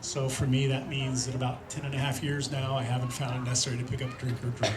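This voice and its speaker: At a church event in a large room with an audience, a man in his fifties from Indiana, USA gives an earnest, reflective recovery testimony, often pausing on filler words. His mid-range voice is delivered completely flat, and the roomy hall carries crowd noise.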